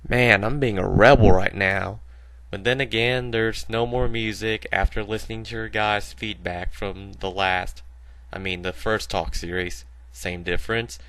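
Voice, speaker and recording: A man's voice: fairly low pitch, fairly even intonation, unhurried, fairly bright tone, no room sound, poor audio. A man giving casual voice-over commentary over gameplay, with a naturally bored-sounding voice and a rambling, filler-heavy way of talking. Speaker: gaming video host.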